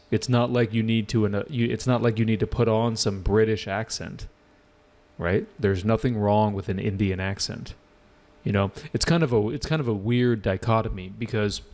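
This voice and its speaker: A man with a lowish voice leads a live online IELTS class. He keeps it casual and checks in with students often. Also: darkish tone. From United States. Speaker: IELTS tutor.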